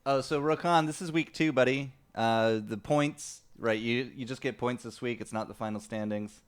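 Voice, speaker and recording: A young man casting a live esports match, excitable and quick to laugh, chatting with viewers between plays. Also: mid-range voice, smooth. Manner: excitable, laughing, talks to chat. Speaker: esports caster. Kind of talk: live game commentary.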